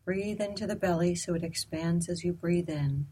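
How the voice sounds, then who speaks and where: A woman leading a guided loving-kindness meditation, speaking slowly, softly and gently. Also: on the low side, husky. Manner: slow, soft, calm and gentle.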